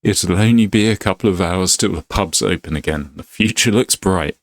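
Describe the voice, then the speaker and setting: A man's voice: sits low, moderate pace, no room sound. Playful man commentating his gameplay. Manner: playful, laughing, swearing. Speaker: gaming YouTuber.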